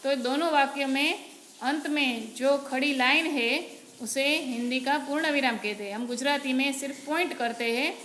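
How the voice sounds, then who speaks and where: A woman's voice: high-pitched, moderate pace, fairly bright tone. A woman teacher from Gujarat explaining Hindi grammar patiently, step by step, in a lesson. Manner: patient, explains step by step, often says "barabar". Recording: echoey room with faint noise.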